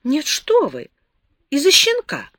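A woman's voice: high voice, wildly swooping pitch, slow pace, fairly bright tone, no room sound, studio quality, voice pushed up, full character voice. A woman voicing a capricious, tipsy young woman in an audiobook, whimsical and dreamy. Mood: excited. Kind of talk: audiobook character reading.

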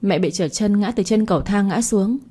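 A woman's voice: medium pitch, brisk, warm tone, slightly rough, natural voice. A woman voicing a scheming grown daughter who pleads and stammers defensively. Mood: scared.

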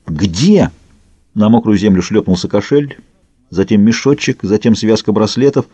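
A man reading an audiobook in a measured narration style. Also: on the low side, warm tone, no room sound. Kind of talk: scripted narration. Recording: dull lo-fi dry audio.

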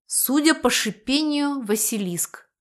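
A woman's voice: high voice, lively intonation, slow pace, pitched above the performer's own voice. A woman voicing an irritable young male mage who answers in short, exasperated lines, in an audiobook. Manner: curt and exasperated.

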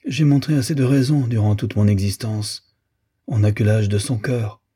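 A man's voice: on the low side, fairly even intonation, moderate pace, breathy edge. Man voicing a tender, protective older man. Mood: resolute. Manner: gentle, earnest.

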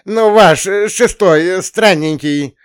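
A man's voice: high voice, slow, clean tone, pitched above the performer's own voice. A man voicing a pompous, jittery male camp counselor who barks orders and loses his words. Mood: flustered. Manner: shouty, pompous, flustered.

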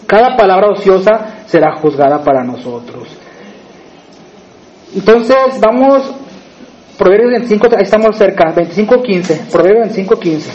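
High-voiced Mexican preacher, chatty sermon. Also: male voice, a little mellow, muffled recording, slight background noise. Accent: Mexican Spanish. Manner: conversational, asks the congregation questions.

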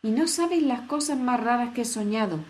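A woman's voice: high-pitched, sing-song, moderate pace, darkish tone, voice pushed up. A woman voicing an indignant, spirited young girl in a children's audio story. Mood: excited. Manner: indignant, defiant.

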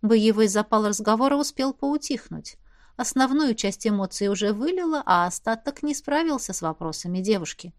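A woman narrating a novel in the first person with a steady, expressive delivery. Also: fairly high pitch, normal speed, dry recording, clean studio sound. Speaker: audiobook reader.

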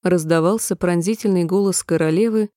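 A woman narrating a storybook audiobook in a measured, expressive way. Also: fairly low pitch, no echo, studio quality.

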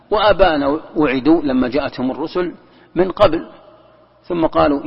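Gravelly with a breathy edge, this mid-range male voice belongs to a sheikh leading a Quran commentary lesson. He goes step by step, repeats key words and models how a verse is recited, all in a long-echoing hall on a dull lo-fi recording.

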